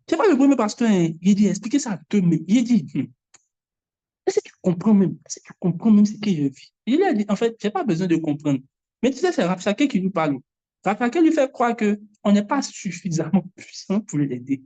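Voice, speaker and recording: A woman preaching a sermon in a lively way, acting out the voices she quotes. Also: mid-range voice. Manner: animated, mimics voices. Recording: dull lo-fi sound.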